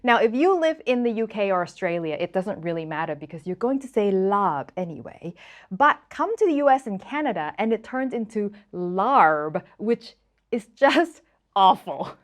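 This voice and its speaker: Animated Thai-accented woman explaining. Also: normal speed. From Thailand. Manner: animated, exasperated asides, rising pitch for quoted viewers. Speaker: cooking channel host. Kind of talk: casual explainer to camera.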